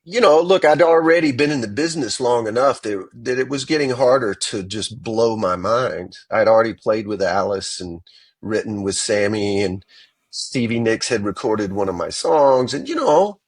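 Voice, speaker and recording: A man with a husky voice tells stories from his music career as an interview guest. He is animated and acts out the quoted dialogue. The sound is close and dry. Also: lowish voice, moderate pace, no echo. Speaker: guitarist guest. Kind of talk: storytelling interview.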